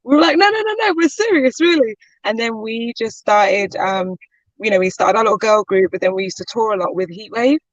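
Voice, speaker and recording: The singer-songwriter's voice is on the high side and expressive, moving a little fast as she chats casually in an interview. She laughs easily and leans on plenty of fillers, heard on lo-fi sound with no echo.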